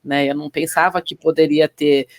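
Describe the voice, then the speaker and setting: A middle-aged woman physician, interviewed as a guest, tells her personal story in a reflective, emotional way with many tag questions. Her voice sits low, steady in tone, and brisk.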